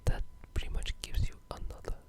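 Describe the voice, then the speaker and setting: Whispering in a breathy, unvoiced way and fairly quickly, a gaming creator rambles eagerly through ASMR-style commentary on the game.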